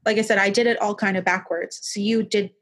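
A woman's voice: medium pitch, fairly even intonation, a little fast, fairly bright tone. A young woman talking as a podcast guest in a casual chat, reflective and rambling, with many restarts.

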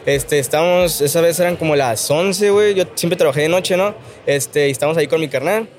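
Quick, higher-voiced Mexican man, slangy. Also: slight background noise. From Michoacán, Mexico. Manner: colloquial, slangy street talk. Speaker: guest, amateur musician. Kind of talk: casual street-slang chat.

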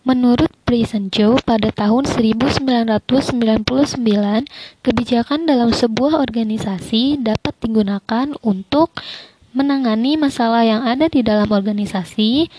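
A young woman student presents her coursework answers, reading them in a measured, careful way with the odd slip. Her voice sits slightly high. A faint hiss and some clicks run under the recording. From Indonesia. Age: young adult. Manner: measured, careful recitation with occasional slips. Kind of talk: reading prepared answers aloud.

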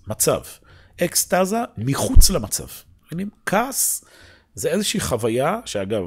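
Animated husky man teaching a religious lesson. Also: fairly low pitch. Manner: animated, rhetorical questions to listeners; many restarts and repeated words. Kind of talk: Torah lesson.

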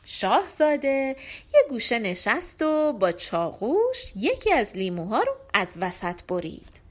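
A woman reading a folk tale aloud for an audiobook, her voice lively and full of swoops. She sits fairly high in pitch and carries the story with expressive storytelling.

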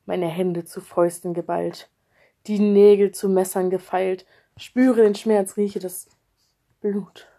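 A woman performs a poetic text as a dramatic reading, with a mellow, warm tone at a middle pitch. She reads with intensity, pushing some lines out loudly and dropping others to a whisper. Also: fairly even intonation, slow. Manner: intense, swings between raised voice and whisper. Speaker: reader.

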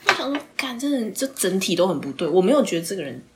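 A young woman, hosting a podcast and telling a story in casual chat, animated, swearing casually and dropping into whispered asides. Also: mid-range voice, fast talker, very noisy. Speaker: podcast host.

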